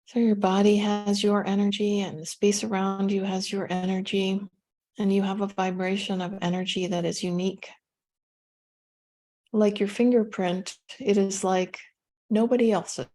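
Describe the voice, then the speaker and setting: This meditation guide is a woman whose mellow, soft-edged voice rests at an ordinary middle pitch. Her delivery is flat as she offers unhurried, gentle instructions with pauses between phrases.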